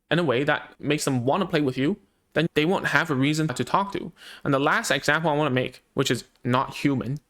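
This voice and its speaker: Talking casually with parents about child language, this Cantonese-native male speech therapist explains things with frequent fillers and restarts. He has a mid-range, slightly bright voice.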